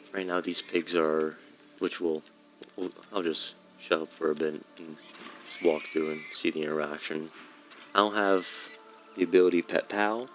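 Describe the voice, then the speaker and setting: Playing a game, a male streamer rambles casually through his commentary and keeps correcting himself mid-sentence as he explains things. His voice sits low but has a fairly bright tone.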